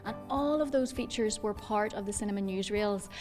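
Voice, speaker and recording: A woman speaking as a media expert, giving measured analysis in an interview. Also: medium pitch, darkish tone, soft background music.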